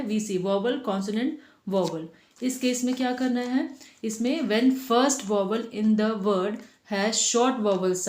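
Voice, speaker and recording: Woman, patient teacher, spells letters out slowly, roomy echo. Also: mid-range voice, darkish tone. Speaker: teacher and channel host. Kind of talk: phonics lesson explained step by step. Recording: echoey room.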